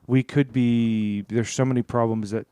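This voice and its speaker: A man's voice: medium pitch, steady tone, moderate pace, mellow, clear, resonant tone, no room sound. A man in his thirties co-hosting a comedy podcast, rambling in a mock-earnest way. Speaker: podcast co-host. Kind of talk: casual comedic chat.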